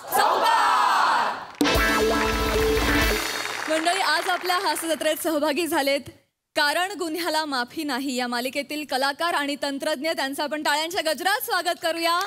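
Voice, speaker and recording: A woman hosting a live stage comedy show, announcing guests and the next sketch with rhyming build-ups. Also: high-pitched. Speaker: show host. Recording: live stage with cheering crowd and loud music.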